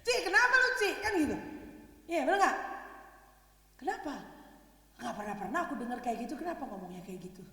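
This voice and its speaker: A woman's voice: fairly high pitch, big pitch swings, brisk, long pauses. A woman giving a conversational sermon to a women's congregation. She often asks the listeners for agreement and laughs easily as she preaches. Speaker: preacher at a women's worship service. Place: large worship hall. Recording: echoey hall, voice from a distance.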